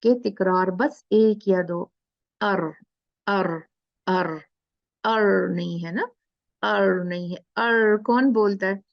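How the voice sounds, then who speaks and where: A woman teaching an online recitation class, patiently repeating sounds slowly to demonstrate them over a video call. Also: medium pitch, no echo, dull audio. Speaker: tajweed teacher.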